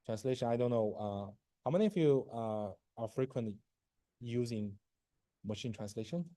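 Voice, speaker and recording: A man in his forties whose native language is Chinese gives a university lecture on machine learning, speaking haltingly with many fillers, a constant "right?", and frequent throat-clearing. His mid-range voice has a warm tone, and the classroom lecture is recorded at studio quality with no echo.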